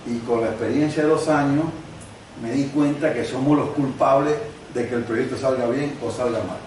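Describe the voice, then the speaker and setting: A man's voice: medium pitch, normal speed, a little mellow. Older man lecturing in an echoey room. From Cuba. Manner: conversational, explains with examples and asides. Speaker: guest lecturer. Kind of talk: university lecture. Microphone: no microphone, distant recording. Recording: very echoey room, distant mic, faint noise.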